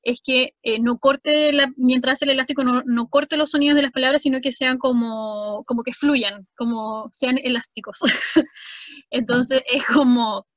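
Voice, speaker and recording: A Chilean woman teacher explaining a reading strategy in a lively way, stretching out sounds. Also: high voice, measured pace, dry recording, highs cut off. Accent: Chilean Spanish.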